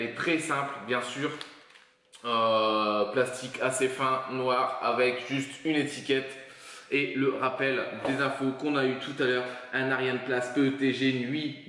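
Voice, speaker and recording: A man's voice: medium pitch, a bit bright. Chatty man in a very echoey room. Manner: chatty, thinks aloud with many fillers. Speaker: 3D printing YouTuber. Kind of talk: casual product review. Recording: very echoey room, faint noise.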